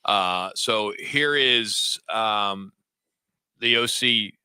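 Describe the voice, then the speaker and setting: A man co-hosting sports talk radio in a studio, calmly setting up clips with a wry tone. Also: lowish voice, extremely slow, clean tone, no room sound. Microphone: studio microphone.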